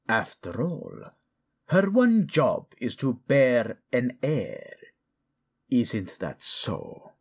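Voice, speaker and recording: In an audio drama, a man plays a cold, scheming middle-aged royal father, in full character voice. His mid-range voice is gravelly and husky, delivered slowly, insinuatingly and theatrically with falsely courteous mockery. It's dramatic audio roleplay acting.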